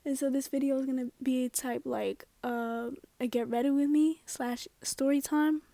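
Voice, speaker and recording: A young woman from Japan chatting casually through a get-ready-with-me story time, slangy and upbeat with quick asides. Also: sits high, steady tone, vocal fry, dark tone, dry recording. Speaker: vlogger.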